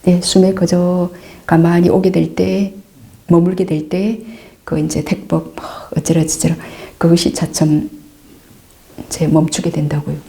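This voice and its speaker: A middle-aged woman, a Buddhist nun, patiently answering meditation questions, calm and repetitive, sometimes dropping into soft asides. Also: lowish voice. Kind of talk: dharma Q&A teaching.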